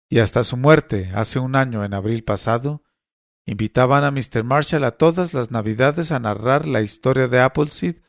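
A man narrating a story in an expressive audiobook reading. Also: medium pitch, creaky, dry recording, studio quality.

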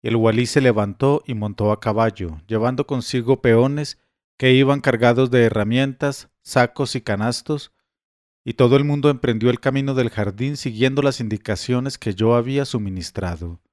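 A man reading a classic tale as a storybook narrator, steady and measured. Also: medium pitch, dry recording, studio quality.

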